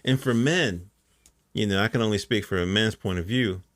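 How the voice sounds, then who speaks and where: In a casual, rambling monologue, a middle-aged American podcast host talks colloquially at a moderate pace, often confirming that the listener follows along. His voice is low-pitched, and there's no room sound at all.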